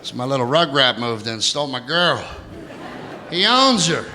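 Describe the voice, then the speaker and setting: A middle-aged man doing a stand-up comedy set on a theater stage, loud and jokey, jumping into high mocking voices for the people he quotes. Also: big pitch swings, moderate pace, a little hiss or hum. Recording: live show in a big hall, loud crowd laughter.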